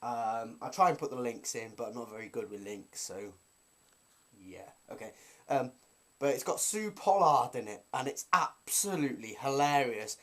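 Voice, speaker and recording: A man's voice: medium pitch, moderate pace. A man chatting casually to his viewers as a vlogger, in a rambling, self-deprecating way.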